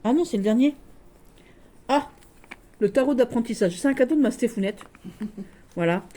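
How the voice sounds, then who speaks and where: A woman chatting casually and affectionately as she shows her tarot decks, often pausing on "voilà". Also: a little high, animated, mellow. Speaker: tarot vlogger.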